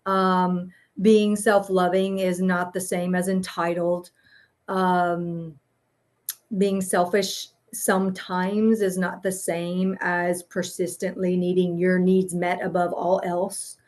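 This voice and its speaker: A woman's voice: lowish voice, level tone, slow, a little mellow. A woman therapist and parent explaining in a loose, searching way, full of "um" and "right?" as she talks it through. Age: adult parent. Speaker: guest therapist. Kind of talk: casual explanatory chat.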